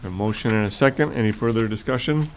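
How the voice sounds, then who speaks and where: A man chairing a public board meeting who reads agenda items aloud in a formal, halting way with frequent fillers. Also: on the low side, slight background noise. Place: meeting room.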